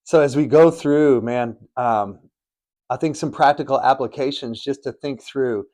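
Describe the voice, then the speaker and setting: A man's voice: mid-range voice, a little slow, a little mellow. A middle-aged man co-hosting a faith podcast, telling stories in an earnest, preachy way. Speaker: podcast co-host. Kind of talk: faith-based podcast chat. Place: studio in Arizona.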